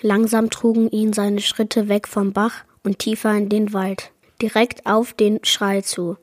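A woman reading aloud a chapter of a children's fantasy adventure book in a measured narrating manner. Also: mid-range voice, flat delivery, dry recording, clean studio sound. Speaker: book reader. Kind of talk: storybook read-aloud.

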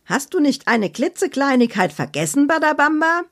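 A woman doing Annabella, a shrill excitable girl. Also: moderate pace. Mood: teasing. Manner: high, breathless, dramatic warnings. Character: excitable, blunt young female island friend.

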